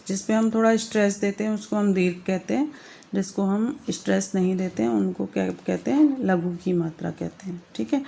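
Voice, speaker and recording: A woman lecturing on poetry with a gravelly, creaky edge to her voice. She keeps checking that her students follow, and she slows to a careful crawl whenever she dictates a definition. Her pitch sits in an ordinary middle range. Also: a little mellow. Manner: explains step by step with frequent checks like "thik hai"; addresses students fondly as "beta". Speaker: English literature teacher. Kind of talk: online lecture in Hindi mixed with English.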